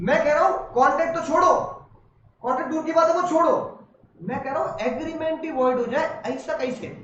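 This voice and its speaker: A man's voice: extremely high pitch, lo-fi sound, a little hiss or hum. A man lecturing a law class, playful and teasing, asking his students questions. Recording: distant echoey classroom recording.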